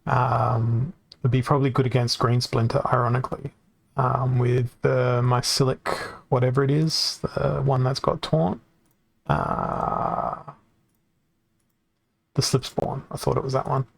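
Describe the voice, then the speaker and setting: A man's voice: medium pitch, little pitch movement, moderate pace, creaky, no room sound. A man streaming a card game from home into a desk microphone, thinking aloud and correcting himself as he goes, his voice worn from hours of talking. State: voice getting worn from long talking. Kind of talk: casual game stream commentary.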